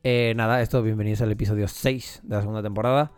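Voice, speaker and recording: A man's voice: lowish voice, steady tone, fast, darkish tone, smooth, dry recording, soft background music. A man with a Spanish accent from Spain, chatting casually in a slangy, jokey way as a podcast co-host. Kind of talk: casual chat.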